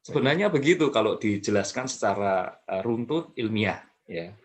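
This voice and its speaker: A man explaining a topic calmly as an expert guest, with frequent fillers and self-corrections. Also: fairly low pitch, normal speed. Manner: calm, explanatory, many fillers and restarts. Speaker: mental health expert guest. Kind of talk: explanatory talk.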